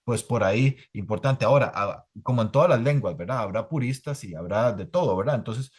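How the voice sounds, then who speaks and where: A man's voice: medium pitch, lively intonation, fairly quick, a little mellow, husky. A man explaining language points in an academic online talk, often adding "¿verdad?". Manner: explanatory, many "¿verdad?" tags. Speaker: presenter on the creole translation.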